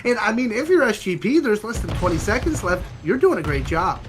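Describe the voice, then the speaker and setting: A young man casting an esports match, giving fast and excited play-by-play. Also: high voice, music in the background. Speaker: esports caster. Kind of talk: play-by-play commentary.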